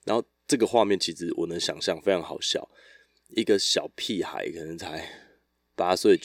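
Deep-voiced man, rambling. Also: normal speed, no room sound, studio quality. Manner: relaxed, rambling storytelling with restarts. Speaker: podcast host. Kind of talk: casual solo podcast chat.

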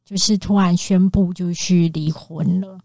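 A woman's voice: fairly low pitch, steady tone, unhurried, warm tone, no room sound, studio quality. A young woman guest in a casual podcast chat, telling stories animatedly and laughing often.

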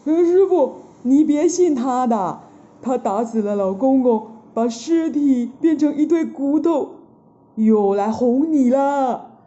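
A woman voicing a pig-man disciple who tattles in a loud, whiny voice. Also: high-pitched, lively intonation, slow. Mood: tattling. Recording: slightly dull lo-fi recording.

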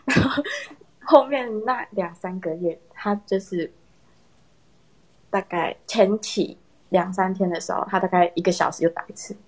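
A young woman casually telling a personal story in a chat with friends, animated and laughing often. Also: mid-range voice, normal speed, long pauses. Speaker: storyteller in a horror story contest.

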